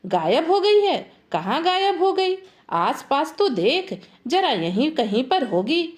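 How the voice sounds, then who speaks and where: A woman's voice: high voice, sing-song, a little slow. A woman doing an older village headman. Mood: surprised. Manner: questioning, advising.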